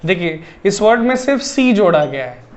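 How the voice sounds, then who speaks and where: A man's voice: high-pitched, sing-song, moderate pace. A man with an Indian accent teaching English vocabulary, repeating himself often and calling his listeners "everyone". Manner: repetitive, addresses listeners as "everyone", mixes Hindi and English. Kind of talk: classroom-style lesson explaining word roots. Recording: slightly dull, lo-fi audio.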